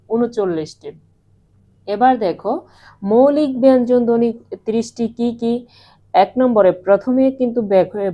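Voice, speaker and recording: A woman teacher giving a grammar lesson, asking the class questions and answering them herself, and saying sounds out slowly and clearly. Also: a little high, highs cut off. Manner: slow and clear when pronouncing sounds.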